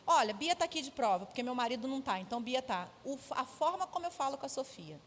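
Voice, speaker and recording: A woman's voice: high voice, expressive, fast talker, a bit bright, a little hiss or hum. A woman with a Brazilian Portuguese accent, preaching a sermon in a firm, emphatic, conversational way. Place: church sanctuary. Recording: echoey church hall.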